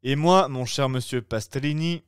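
Man reading a cool shrewd young gent, measured, slow and smooth. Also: mid-range voice, no room sound, studio quality, pitched above the performer's own voice, natural voice. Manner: measured, persuasive. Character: worldly young gentleman, calm, shrewd.

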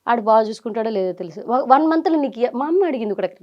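A middle-aged woman, telling her story as an interview guest in lively bursts and quoting people as she goes. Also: a little high, muffled recording. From Nellore region, India. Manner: animated, quotes people in quick bursts.

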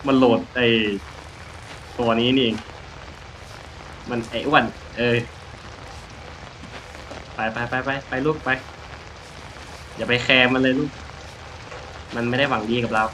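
A man's voice: medium pitch, steady tone, takes it slowly, long pauses, fairly bright tone, a little hiss or hum, low-quality recording. A man streaming a horror game, talking to himself and the game, jumpy and joking as he plays. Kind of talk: horror game let's play commentary. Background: rain and thunder from the game.

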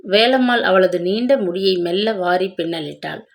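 A woman narrates a romance novel aloud in a steady, measured way. Her reading is calm and unhurried, with a clear storytelling cadence. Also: medium pitch.

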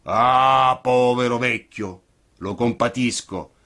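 A man voicing a huge, gruff, bearded puppet master who is soft-hearted underneath, talking in a loud, blustering manner. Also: medium pitch, slow.

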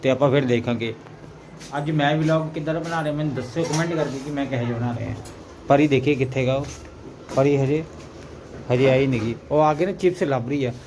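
Filming with his vlogger wife, a Punjabi-accented man speaks quickly at a medium pitch in a casual home vlog. The handheld audio has plenty of noise, and he keeps repeating phrases to stress his point.

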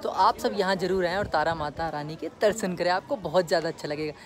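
A faint crowd can be heard behind a young adult travel vlogger who talks fast in a high-pitched voice. Filming outdoors on a windy hill road with his phone at arm's length, he chats casually and speaks directly to his audience.

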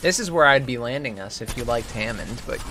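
A man's voice: medium pitch, lively intonation, brisk, background noise. A man streaming a video game and chatting casually, full of joking, rambling banter. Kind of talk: casual gaming stream chat.

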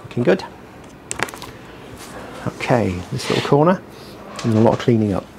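With a creaky, medium-pitched voice, quick pace and lively intonation, a man rambles through his workshop vlog amid background noise. He's a small business owner sharing his work, cracking dry, self-deprecating jokes at his bench. A heater hums in the workshop, and the mic is on the bench underneath him.

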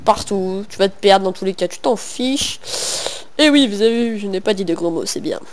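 A young teenage boy with a fairly high voice chats through a game on his home computer mic. He keeps joking and rambling, talking to himself as much as to his viewers. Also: moderate pace. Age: young teen, in middle school. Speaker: gaming video host. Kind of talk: casual let's-play commentary. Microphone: home computer microphone.

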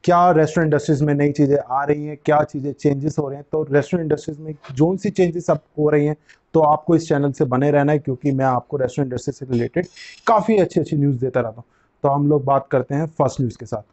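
A man's voice: on the high side, fast, a little mellow, dull audio. A young man hosting his own channel, explaining things casually to the camera in a living room on a lapel mic, gesturing and repeating phrases as he goes. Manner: gestures with both hands while talking, repeats phrases. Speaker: channel host.

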